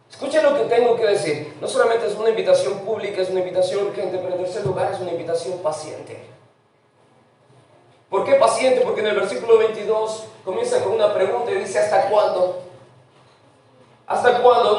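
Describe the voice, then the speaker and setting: A man's voice: extremely high pitch, darkish tone, far from the mic. A middle-aged man preaching a sermon as pastor, slipping English words into his Spanish. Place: church sanctuary. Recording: very echoey church from afar.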